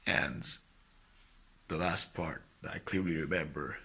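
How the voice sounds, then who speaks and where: A young man from Spain with an American accent, earnestly recounting dreams and exhorting listeners, halting at times before rising into fervent blessings. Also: extremely low pitch, steady tone, pushed and bright, husky. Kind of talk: personal testimony and exhortation.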